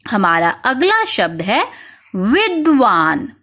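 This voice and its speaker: A woman gives a slow, careful spelling lesson for children, breaking each word into its letters. Her voice is fairly high and swings lively up and down as she asks and answers her own questions. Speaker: teacher.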